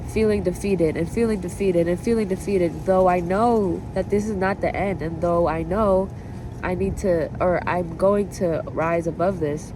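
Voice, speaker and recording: Speaking on the low side with noise behind her, a woman vlogger opens up to the camera in an easygoing, confessional talk. Her delivery rambles and looks inward, full of repetition and frequent "like"s.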